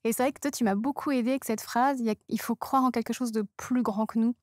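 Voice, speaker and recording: Female comedian guest, higher voice, dry studio sound, candid self-mocking storytelling. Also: dry recording. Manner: animated, self-mocking, halting restarts.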